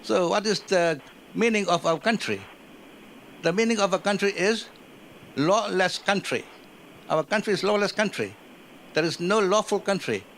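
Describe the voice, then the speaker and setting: Halting man making a statement. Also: high-pitched, fairly bright tone, slight background noise, rough recording. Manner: halting, repetitive, with frequent fillers. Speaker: audience member giving a statement. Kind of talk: impassioned public comment. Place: conference room.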